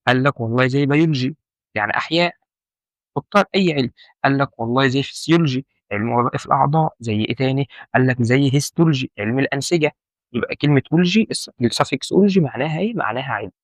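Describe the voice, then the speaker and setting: Egyptian guy teaching really fast, keeps repeating stuff and asking questions, dead dry sound. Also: mid-range voice, no echo. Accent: Egyptian Arabic. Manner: colloquial, repeats key points and asks the listener questions. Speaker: medical terminology instructor. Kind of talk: informal explanatory lesson.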